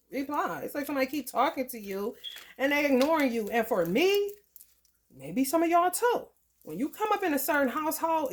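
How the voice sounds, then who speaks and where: A woman ranting to her viewers in a blunt, profane, animated storytelling way. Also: high-pitched. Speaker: vlogger. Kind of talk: profane rant to camera.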